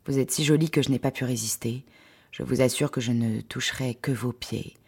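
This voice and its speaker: A woman's voice: rumbling low, steady tone, brisk, gravelly, a little mellow, slightly rough, heavily acted. A woman voicing a pushy, creepy, skinny young man in her story, speaking insistently and smarmily. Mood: smarmy.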